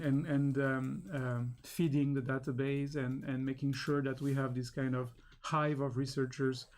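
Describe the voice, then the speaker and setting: A male researcher answering a panel question, measured, with many fillers. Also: mid-range voice, darkish tone.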